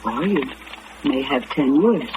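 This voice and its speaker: An actress in an old radio drama playing a composed, frank woman counseling a friend in a measured, firm way, on a muffled, noisy recording. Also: extremely low pitch, lively intonation. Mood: frank, solemn.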